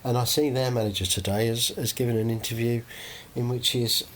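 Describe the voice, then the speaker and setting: A man's voice: medium pitch, fairly even intonation, a little fast, a little hiss or hum. A man hosting a casual podcast chat, hedging often and ending points with tag questions.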